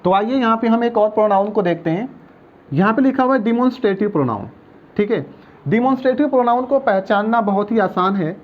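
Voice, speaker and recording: A man's voice: high voice, animated, brisk, highs cut off. A male teacher giving a patient grammar lesson, repeating each point and checking that students follow. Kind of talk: grammar lesson explaining at a board.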